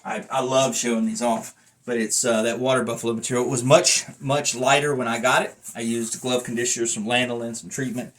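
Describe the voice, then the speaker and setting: The man's mid-range voice is fairly bright and fairly quick, with a flat delivery. He rambles casually through a hobby review, folksy, self-deprecating and casually profane, on a noisy phone recording with the mic away from his mouth.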